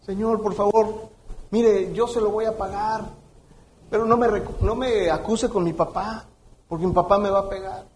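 A man's voice: high-pitched, steady tone, darkish tone, a little hiss or hum, close to an everyday voice. A man voicing a frightened young boy who pleads in a rush. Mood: pleading. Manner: pleading, rushed.

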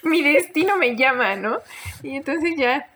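A woman's voice: high-pitched, unhurried. Laughing young Mexican woman telling a story. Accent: Mexican Spanish. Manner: animated, laughs often, slangy. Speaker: podcast co-host. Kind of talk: casual storytelling chat.

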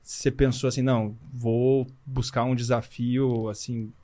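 A man's voice: medium pitch, flat delivery, unhurried, dark tone. A man hosting an interview, asking questions and reacting casually. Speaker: interviewer host.

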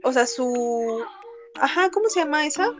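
A woman in a casual chat, reacting to a story and telling one of her own, unhurried, with slang asides. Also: high voice, animated, faint music behind.

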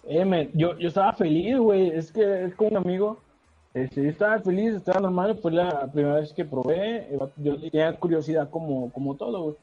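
Mexican dude rambling w slang, mellow voice, muffled lo-fi audio. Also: male voice, a little high, fairly quick, slightly rough. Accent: Mexican Spanish. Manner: slangy, says "güey" constantly. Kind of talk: casual chat. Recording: dull lo-fi call audio.

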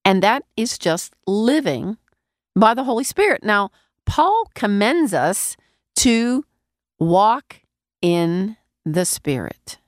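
A woman giving a radio sermon as host, with a gravelly, nasal voice congested from a cold, speaking earnestly and repeating key phrases for emphasis. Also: medium pitch, very animated, takes it slowly, dry recording, studio quality. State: congested, getting over a cold. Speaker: radio preacher and show host.

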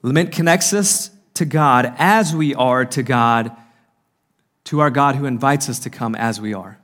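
Earnest male speaker, sermon delivery, mid-pitched, weighted pauses. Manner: earnest, slows down to stress lines. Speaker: conference speaker. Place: conference hall.

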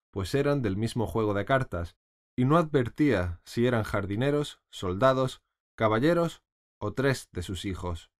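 Male audiobook narrator, animated lilting delivery, mid-pitched storybook reading. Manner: expressive reading.

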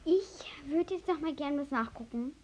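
A woman's voice: sits high, moderate pace, darkish tone. A young girl co-hosting, talking in a casual, everyday chatting style. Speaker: co-host of a kids' challenge show. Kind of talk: casual chat. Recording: dull, slightly noisy home recording.

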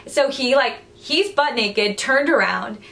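Young woman, casual podcast host, animated storyteller, faint background hiss. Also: sits high, slow pace, gravelly. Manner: chatty, animated storyteller who acts out quotes. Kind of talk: casual chat, retelling a book plot.

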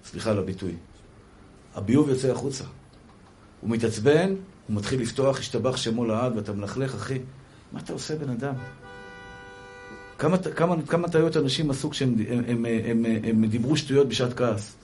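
A man's voice: mid-range voice, a little mellow, faint music behind. Joking, chatty man giving a sermon. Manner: chatty, joking, addresses listeners as brothers. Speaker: rabbi. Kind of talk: lively comic sermon.

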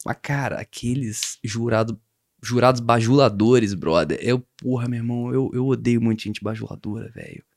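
Um homem com sotaque brasileiro, comediante, numa conversa descontraída, falando com muita gíria e palavrão. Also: male voice, medium pitch, normal speed, no room sound, clean studio sound. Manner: slangy, animated, swearing freely. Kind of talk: casual chat.

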